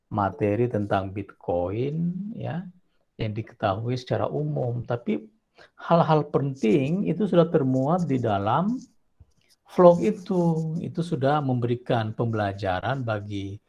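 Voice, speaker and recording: A man with a gravelly, creaky voice lectures a class as a university lecturer. He talks in an animated way and breaks into quick acted-out student voices to make his points. His voice sits at an ordinary middle pitch. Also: highs cut off. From South Sulawesi, Indonesia. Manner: animated, acts out student voices while explaining.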